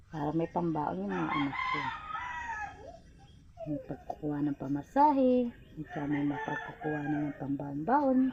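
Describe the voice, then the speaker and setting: A woman's voice: lowish voice, vocal fry, darkish tone. A middle-aged Filipino woman with a Filipino accent talks casually to her followers in a plain, pleading way, her speech slightly slurred by missing front teeth. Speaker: vlogger. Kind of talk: casual vlog talk to followers. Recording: dull lo-fi audio.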